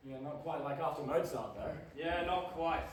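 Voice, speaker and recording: An actor playing an excitable, fed-up young performer in an ensemble stage piece. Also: male voice, fairly high pitch, normal speed, far from the mic, background noise, close to an everyday voice. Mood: exasperated. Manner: exclamatory, theatrical outbursts. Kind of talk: devised ensemble theatre. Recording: echoey stage recorded from afar.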